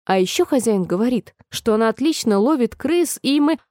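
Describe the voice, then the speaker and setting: A woman's voice: a little high, animated, moderate pace, a little mellow, no echo, studio quality, close to an everyday voice. Woman doing a polite chatty little girl. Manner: eager and apologetic.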